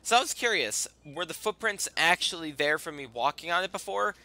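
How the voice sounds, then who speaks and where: A man giving casual, halting and rambling commentary over a video game as its host. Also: on the high side, lively intonation, bright, forceful tone, no echo. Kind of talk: casual let's play commentary.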